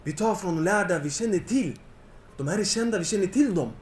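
A young man giving an impassioned Islamic lecture to a young audience, at times rising nearly to a shout. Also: high-pitched, expressive, reverberant, slight background noise.

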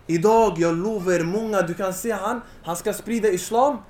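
In a high-pitched voice, a young man delivers an impassioned Islamic lecture to a young audience, sometimes rising almost to a shout. The recording sounds roomy.

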